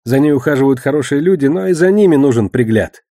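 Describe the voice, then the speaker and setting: A man's voice: mid-range voice, lively intonation, fast, mellow, no room sound, studio quality, pitched above the performer's own voice, close to an everyday voice. A man voicing an anxious young tavern keeper. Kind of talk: audiobook reading.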